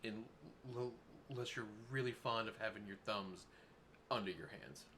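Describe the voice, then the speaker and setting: A man's voice: on the low side, moderate pace, pushed and bright. A man runs a tabletop game as its game master. He narrates in a casual, conversational way, with faint noise in the recording.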